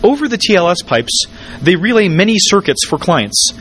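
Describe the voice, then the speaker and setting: Caffeine-wired man giving a tech talk, higher-pitched voice. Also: very animated, fairly bright tone, slightly rough. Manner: wired on caffeine, hurried, jittery with stumbles. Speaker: conference speaker. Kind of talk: technical conference talk.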